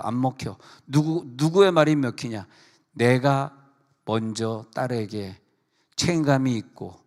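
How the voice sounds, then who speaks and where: A man preaching a sermon as pastor, acting out a mother and daughter in lively voices and putting questions directly to the congregation. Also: medium pitch, in a large hall. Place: church sanctuary.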